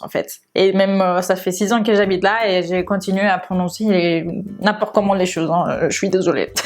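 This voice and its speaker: A young Spanish woman speaking French with a Spanish accent, chatting casually to camera in her vlog with many fillers. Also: mid-range voice. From Spain. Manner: chatty, many fillers and restarts, laughs often. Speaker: makeup YouTuber.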